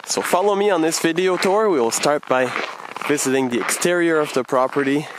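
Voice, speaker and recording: A man's voice: fairly high pitch, background noise. A man with a Quebec French accent, a real estate agent giving a video tour outdoors in the snow, walking while he talks. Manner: slow, measured, walking while showing around. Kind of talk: bilingual property video tour. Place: outdoors in deep snow on a lakeside property.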